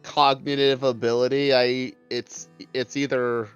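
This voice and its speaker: A man's voice: medium pitch, level tone, unhurried, smooth. A man chatting casually in a tabletop role-play game, hesitantly piecing his thoughts together aloud. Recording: dull lo-fi mic with music behind.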